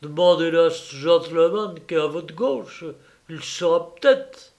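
A man voicing a cool, cunning gentleman thief who talks in a slow, sly drawl. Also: a little high, lively intonation, voice pushed up.

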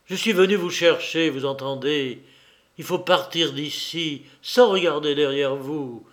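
Male reader doing a frail young man, imploring and urgent, voice pushed high, storybook drama. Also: slow. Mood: pleading.

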